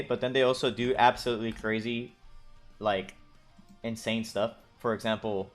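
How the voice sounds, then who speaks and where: Animated man chatting on a gaming podcast. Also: mid-range voice. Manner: animated, mocking, acts out silly voices. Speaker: podcast co-host. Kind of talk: casual gaming podcast chat. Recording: faint music bed behind.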